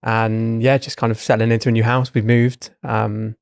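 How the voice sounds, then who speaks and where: A man's voice: lowish voice, little pitch movement, normal speed, clean tone, dry recording, clean studio sound. A man, co-hosting a podcast in casual chat, speaking thoughtfully and hesitantly with many fillers. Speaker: podcast co-host.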